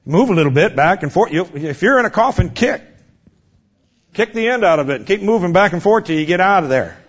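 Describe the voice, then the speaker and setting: A man in his fifties delivers a sermon in a fairly high voice. He swings between loud, urgent exhortation and a quiet, hushed delivery. The recording sounds dull and lo-fi. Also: lively intonation, fairly quick, breathy edge. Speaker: preacher.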